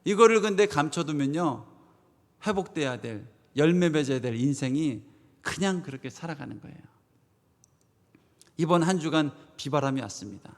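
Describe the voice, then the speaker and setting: A pastor preaching a Sunday sermon, swinging from loud proclamations to hushed asides and asking the congregation rhetorical questions. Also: male voice, on the high side, expressive, moderate pace, pauses often. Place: church sanctuary. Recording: long church reverb.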